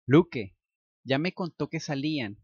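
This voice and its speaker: A man's voice: fairly high pitch, animated, a little slow, darkish tone, slightly rough, no echo. A man putting on a suspicious teenage girl. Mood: curious. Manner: serious and challenging. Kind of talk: reading a fan story aloud. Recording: dull, dry lo-fi recording.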